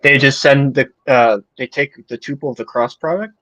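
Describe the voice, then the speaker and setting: A man's voice: mid-range voice, normal speed, bright, forceful tone, dry recording, poor audio. A young man co-hosting a math chat over a video call, thinking aloud as he answers and adding jokey asides. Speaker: co-host answering questions. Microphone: video call mic.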